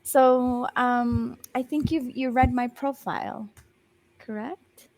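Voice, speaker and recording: A fairly high, mellow-edged voice with fairly even intonation belongs to a young Australian woman tutoring English by video call. It's a one-on-one lesson where she patiently encourages, slows down, rephrases, and leans on frequent ums.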